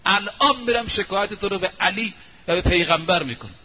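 A man's voice: high voice, lightly acted. A man preaching, voicing a proud noblewoman who defiantly protects refugees in her home. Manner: indignant, protesting. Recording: muffled lo-fi recording, faint hiss.

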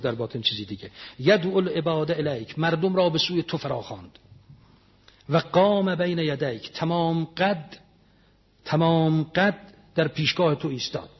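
A man preaching a religious sermon, emphatic, repeating phrases and reciting prayers slowly before explaining them. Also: on the high side, husky, dull audio.

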